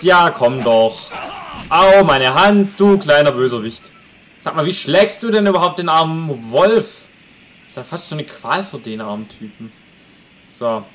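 Chatty and jokey, a man plays a survival game while talking to his viewers and yelling at wolves as a let's play commentator. His voice is a little high, and the rough recording has slight background noise.

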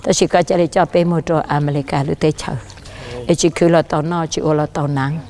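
A male pastor preaching a sermon outdoors by a riverside, his voice often jumping higher and louder for emphasis. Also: little pitch movement, brisk.

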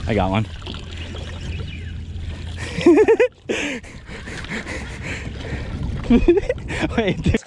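A man chatting excitedly while fishing from a boat in open ocean, swearing often and laughing between remarks, recorded on a head-mounted camera. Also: very high voice, very slow, long pauses. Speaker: angler filming his fishing trip. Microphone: head-mounted action camera. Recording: outdoor boat noise and wind.

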